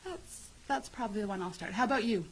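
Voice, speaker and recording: A woman's voice: medium pitch, fast, a little hiss or hum, low-quality recording. A woman who works as a substitute teacher, chatting casually on a video call with a jokey, giggly, self-mocking manner. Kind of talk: casual chat.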